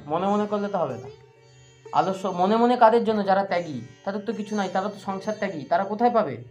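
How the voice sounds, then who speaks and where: A man teaching from scripture, asking his listeners questions and chanting Sanskrit verses slowly. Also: high voice, expressive, a little mellow, faint music behind. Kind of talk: devotional scripture discourse. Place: room with listeners. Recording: echoey, muffled, with faint sitar.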